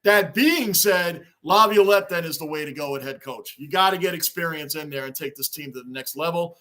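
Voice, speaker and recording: A man hosting a casual sports livestream, chatting excitedly and shouting greetings as he reads viewer comments. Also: on the high side, brisk. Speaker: livestream host. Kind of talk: casual livestream chat reading fan comments.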